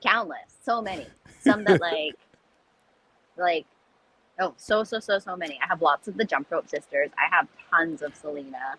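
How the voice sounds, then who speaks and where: A woman chatting casually as a guest, animated and self-deprecating, repeating words for emphasis. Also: sits low, moderate pace, slight background noise, poor audio. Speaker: guest, recreational jump roper. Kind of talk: casual chat about learning skills.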